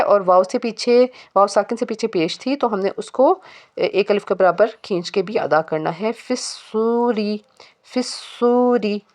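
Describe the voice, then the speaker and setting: Woman teaching Quran recitation slowly. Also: mid-range voice. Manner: spells out letters and vowels slowly, then recites phrases drawn out. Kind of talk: step-by-step recitation lesson.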